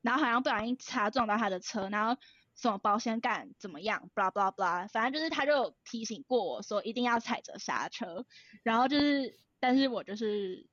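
A young woman in her twenties with a Taiwanese Mandarin accent, telling a story as a podcast co-host in a rapid, animated way full of fillers. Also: a little high, no room sound, muffled recording. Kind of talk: casual storytelling chat.

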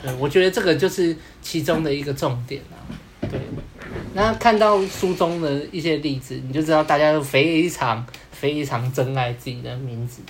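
A man's voice: a little high, moderate pace, slight background noise. A man co-hosting a podcast in casual chat, rambling and often repeating himself. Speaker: podcast co-host.

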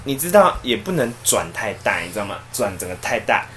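A man, co-hosting a podcast and telling a story in a casual, animated way. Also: lowish voice, brisk, slight background noise. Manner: animated, acts out the people in his story. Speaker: podcast co-host.

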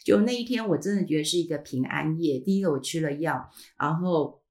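A woman's voice: low voice, fairly quick, darkish tone. A middle-aged woman with a Taiwanese Mandarin accent, telling a personal story in a casual podcast chat, full of fillers and trailing "ha" tags, her throat still healing. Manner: chatty, frequent filler sounds and trailing "ha" tags. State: recovering from a throat illness. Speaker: podcast host.

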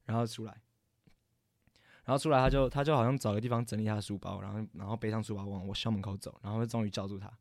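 A man's voice: lowish voice, fairly even intonation, fast, no room sound, studio quality. A young man, a podcast co-host telling a story in casual chat, rambling and often correcting himself. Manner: rambling, stammering, frequent self-corrections.

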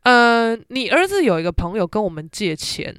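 Animated young Taiwanese woman storytelling. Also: fairly high pitch, normal speed, smooth, dry recording, studio quality. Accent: Taiwanese Mandarin. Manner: animated, acts out family members' voices. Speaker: podcast host. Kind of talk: casual storytelling.

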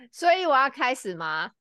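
A middle-aged woman co-hosting a casual podcast, telling a personal story with frequent filler pauses. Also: fairly low pitch, no room sound, studio quality. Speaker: podcast co-host.

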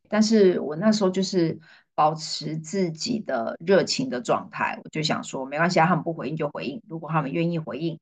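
A middle-aged woman with a low, husky voice. She speaks as a podcast guest and tells a story from her classroom with lively, expressive delivery. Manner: lively storyteller who acts out quoted dialogue. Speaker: guest, education coach.

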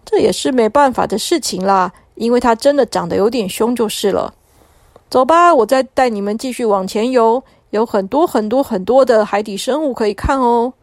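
A woman's voice: a little high, dry recording, clean studio sound, lightly acted. A woman voicing a friendly ray who guides the children through the sea with cheerful energy. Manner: brisk, cheerful.

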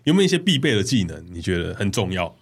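Male podcast host, quick and lively, lowish voice. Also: slightly rough. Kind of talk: casual chat.

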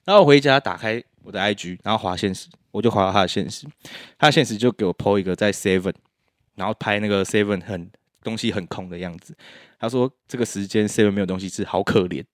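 Brief: young man, rapid and animated, dry close sound. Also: lowish voice, no echo. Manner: animated storyteller, laughs often. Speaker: podcast guest. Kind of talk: casual chat.

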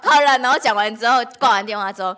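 A woman whose first language is Korean, co-hosting a podcast and telling stories in an animated, laughing way. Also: mid-range voice, very fast. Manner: animated storytelling, bursts of laughter. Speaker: podcast co-host. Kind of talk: casual chat.

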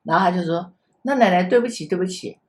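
An older woman with a Taiwanese Mandarin accent, a grandmother and former kindergarten teacher, chatting on a podcast and gently acting out how she talks to children. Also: on the low side, fast talker. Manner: gentle, repeats herself, acts out soft talk to children. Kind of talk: casual podcast chat.

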